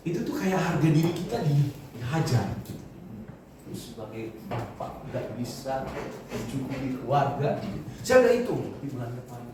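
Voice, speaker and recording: A middle-aged male pastor preaches in a relaxed, chatty way, often chuckling at his own asides. His mid-pitched voice rings through a large, very echoey church hall, picked up from some distance away. There is a steady hiss of room noise underneath. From Indonesia. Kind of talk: sermon. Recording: echoey hall heard from far off.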